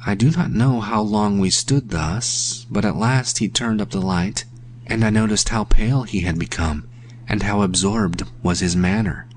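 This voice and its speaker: A man narrates a ghostly tale in a measured, hushed way. His voice sits a little low, and a faint hum lies under the reading. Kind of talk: scripted narration of a story.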